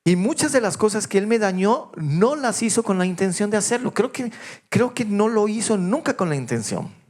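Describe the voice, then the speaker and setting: A man, preaching a sermon and telling personal stories, often dropping to a hush and then rising again. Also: high-pitched, very animated, moderate pace. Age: 50s. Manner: personal confessional storytelling, shifting between hushed and raised voice. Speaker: pastor.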